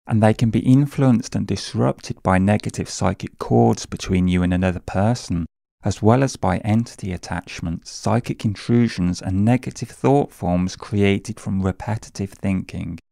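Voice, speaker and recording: Low, gravelly man guiding a meditation. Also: no room sound, clean studio sound. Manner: calm, measured, soothing delivery. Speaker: guided meditation narrator. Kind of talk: scripted guided meditation narration.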